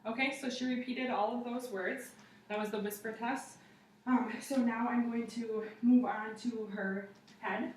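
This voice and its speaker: A young adult woman with a fairly high but darkish voice speaks a little slowly and fairly evenly while demonstrating a clinical exam, narrating each finding to a patient and observer like a student. A camera mic across the living room captures her, roomy, distant, and slightly noisy.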